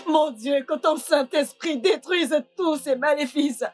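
A high-voiced accused woman pleading. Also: unhurried, a little mellow, soft background music. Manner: pleading and praying. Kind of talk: French film dub.

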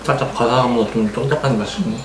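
Man mid-bite, mouth full, plain mid pitch, far from the mic in an echoey noisy kitchen with clinking dishes. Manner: talks while eating, unhurried. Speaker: family member eating at home. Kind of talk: casual mealtime chat. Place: home kitchen table. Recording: roomy, distant, noisy kitchen. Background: clinking dishes and cutlery.

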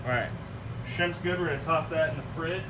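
The clip comes from a home cooking livestream where a young man preps food and casually talks with viewers in chat. His voice is a little high and brisk. Room noise comes through clearly because the mic sits far away.

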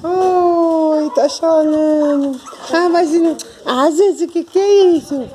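A woman with a Brazilian Portuguese accent, cooing over puppies in drawn-out baby talk in a casual pet video. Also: very high voice, warm tone. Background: puppies whimpering and barking.

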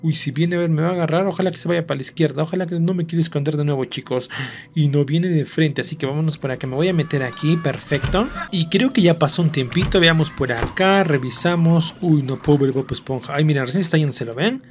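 Excitable gamer man. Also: fairly high pitch, quick pace, slight background noise. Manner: excitable, keeps talking to viewers. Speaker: gaming host. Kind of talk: let's-play commentary.

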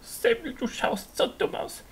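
A man voicing a bossy, mocking, cackling witch in a German children's puppet show, theatrical and shrill. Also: a little slow, natural voice. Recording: noisy home puppet-stage recording.

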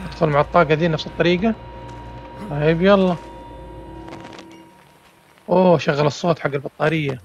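Creaky-voiced man narrating a horror game. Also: fairly high pitch, steady tone, fairly quick, long pauses, muffled recording, soft background music. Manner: talks himself through each step with nervous exclamations. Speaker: gamer. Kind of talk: horror game let's play commentary.

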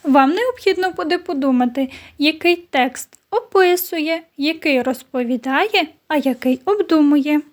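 A woman from Ukraine teaching a recorded online lesson to young pupils. Her voice sits high and light, and she gives each instruction slowly and clearly. She keeps turning to the children with questions. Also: lively intonation. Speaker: primary school teacher.

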